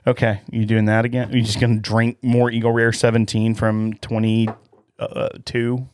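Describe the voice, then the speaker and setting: A man's voice: medium pitch, completely flat delivery, moderate pace, a little mellow, slight background noise. A man, co-hosting a podcast and telling long family stories with frequent laughs. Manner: chatty storyteller, laughs often. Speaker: podcast co-host. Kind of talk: casual chat.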